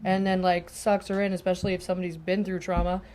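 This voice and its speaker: A woman's voice: lowish voice, level tone, fast talker, a loud crowd. A middle-aged woman on a podcast panel speaking candidly about her own experience. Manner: candid, personal. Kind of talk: casual panel discussion.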